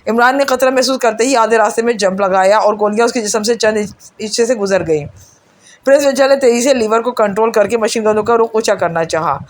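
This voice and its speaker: Woman narrating a spy audiobook. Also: fairly high pitch. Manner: steady dramatic storytelling.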